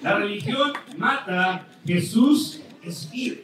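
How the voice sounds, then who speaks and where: A man's voice: sits high, slow. A man preaching a sermon as pastor, mixing jokes into his preaching. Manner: joking, animated preaching. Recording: echoey hall, distant mic, faint noise.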